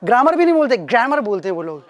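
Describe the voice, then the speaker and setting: A man's voice: very high-pitched, very fast. Young man from doing stand-up. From Uttar Pradesh, India. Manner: animated, self-mocking anecdote telling. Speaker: stand-up comedian. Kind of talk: stand-up storytelling.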